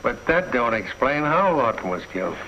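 Down-to-earth, wry cop; bright, forward tone; dull vintage soundtrack with faint hiss. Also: male voice, medium pitch, very animated, normal speed. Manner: matter-of-fact, wry. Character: practical male police lieutenant.

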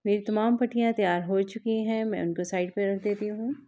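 A warm, steady, mid-range female voice moves a little fast as a cooking vlog host gives step-by-step instructions. Working at a home kitchen counter, she patiently explains each stage of the recipe with her hands busy.

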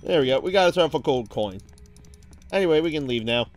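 A man commentates casually on a game he is playing. His voice is a little high and lively in pitch, with faint game music behind. He thinks aloud, a bit hesitantly. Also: brisk. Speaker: let's play host.

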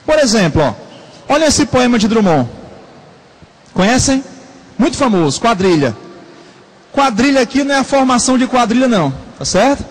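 A man teaching a Portuguese class, repeating key terms slowly and asking the students questions. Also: very high voice, big pitch swings, in a large hall, rough recording. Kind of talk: classroom lecture.

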